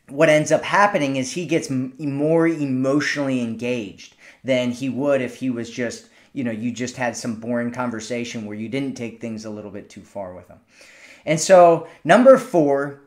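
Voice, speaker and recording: A man hosting a podcast, giving relaxed dating advice straight to a female listener and often checking in with "right?". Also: medium pitch. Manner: speaks directly to a female listener. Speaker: podcast host, dating coach. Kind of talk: casual advice monologue.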